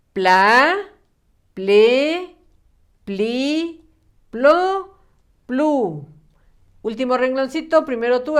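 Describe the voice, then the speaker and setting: A woman teacher leading a children's literacy lesson, encouraging the young viewers and stretching out syllables. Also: fairly high pitch.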